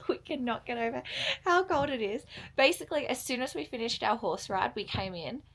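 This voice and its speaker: A woman's voice: on the high side, expressive, fairly quick, fairly bright tone, husky. A young woman vlogging casually from a mountain trek, chatty and bubbly, often laughing. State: out of breath from altitude. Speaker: travel vlogger. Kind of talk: casual vlog narration. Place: outdoors on a mountain horse trek, then indoors.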